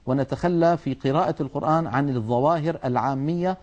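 A man teaching Quran recitation, explaining letter sounds earnestly and sometimes scolding, drawing out his demonstrations slowly. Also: on the high side, darkish tone. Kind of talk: tajweed lesson.

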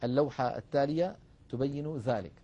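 A man's voice: mid-range voice, brisk, dark tone, muffled recording. A man teaching Arabic phonetics over slides, patiently addressing viewers and drawing out example syllables for them to repeat. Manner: models sounds aloud, drawing out syllables for the class. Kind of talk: instructional lecture with slides.

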